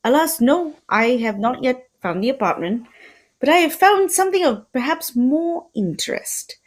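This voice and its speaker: A woman's voice: high voice, expressive, moderate pace. Woman playing fussy, lilting French-accented Hercule Poirot. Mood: brisk, formal. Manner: formal, courteous, theatrical. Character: polite, fussy Belgian male detective. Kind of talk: old-time radio mystery acting.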